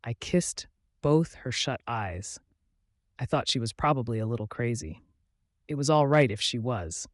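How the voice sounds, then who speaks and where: Measured male audiobook narrator, dry sound. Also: medium pitch, animated, no room sound. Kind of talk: scripted narration.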